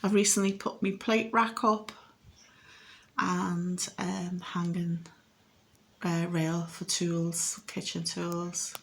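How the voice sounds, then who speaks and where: On a rough recording, a woman's low-ish voice moves slowly with little pitch movement. She's a fifty-something home renovation vlogger from Liverpool by accent, chatting casually and matter-of-factly in a rambling house tour indoors.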